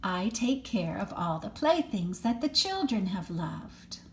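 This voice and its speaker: A woman's voice: mid-range voice, sing-song, measured pace, slight background noise. A woman voicing a kindly, reassuring magic fairy who looks after beloved toys in a storybook. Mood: gentle, reassuring.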